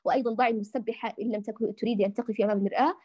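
A woman's voice: fairly high pitch, steady tone, very fast, lo-fi sound, soft background music. A woman teaching Quran recitation in a recorded lesson, patiently demonstrating sounds and calling her listeners dear. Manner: addresses listeners fondly as dears.

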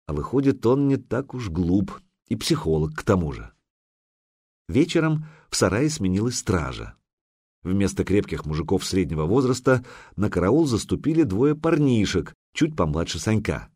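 A male audiobook narrator reads in a measured storytelling manner, with a low voice that moves up and down freely. The recording is close and dry, with no room sound. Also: darkish tone, breathy edge, no echo. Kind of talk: scripted narration.

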